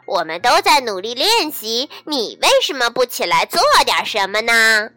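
A woman voicing a lively, restless young monkey who talks loudly and eagerly in a children's story. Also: a little high, no echo, soft background music. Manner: loud, eager, quick to anger.

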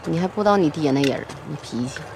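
A woman's voice: sits low, animated, fast talker, gravelly, background noise. An actress playing a practical, resigned rural mother.

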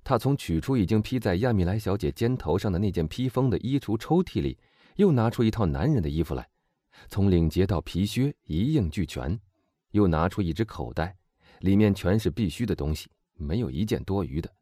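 Male audiobook narrator, low voice, animated delivery, dry close sound. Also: no room sound. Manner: measured, expressive storytelling. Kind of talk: scripted narration.

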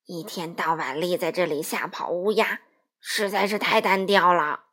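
A woman voicing a gentle, simple male scarecrow with a hoarse, raspy voice, reading a children's storybook. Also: on the low side, fairly even intonation, moderate pace, pitched below the performer's own voice. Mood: weary, friendly.

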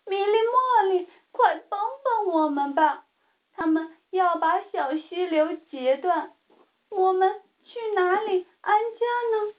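A woman's voice: very high voice, expressive, takes it slowly, voice pushed up, heavily acted. A woman doing frightened little water birds. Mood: pleading. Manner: pleading, anxious. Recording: tinny phone-like home recording.

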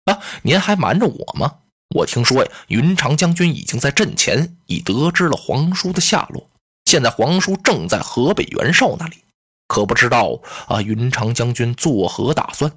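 A man's voice: mid-range voice, sing-song, normal speed, fairly bright tone, slightly rough, voice pushed down. A male storyteller voicing a cheerful, sly male general who probes with friendly words. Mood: probing.

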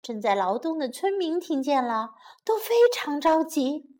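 A woman teacher telling a children's story in a gentle, slow, clearly enunciated reading style, switching between two languages line by line. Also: sits high, very animated.

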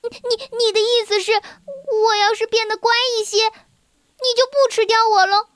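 A woman voicing a mischievous little circus girl, with a high, childlike pleading voice. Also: a little slow, a bit bright, no echo, clean studio sound. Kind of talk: children's story reading.

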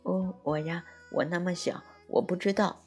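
A man voicing a tiny, shy little ant with a thin, soft voice, in a children's storybook reading. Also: high-pitched, steady tone, moderate pace, faint music behind, voice pushed up. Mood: timid. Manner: soft and timid.

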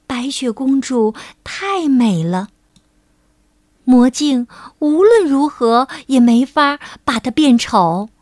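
A woman reading a children's story aloud in a gentle, slow and expressive way. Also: high-pitched, no echo, clean studio sound. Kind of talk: scripted children's story narration. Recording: narration over loud music.

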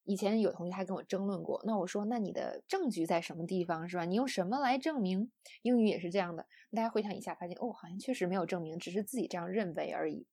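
Mellow-voiced Chinese woman teaching pronunciation. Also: on the low side, fast talker, hardly any pauses, breathy edge, no echo. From China. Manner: patient, explanatory, with many "啊" and "呃" fillers. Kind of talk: online audio lesson.

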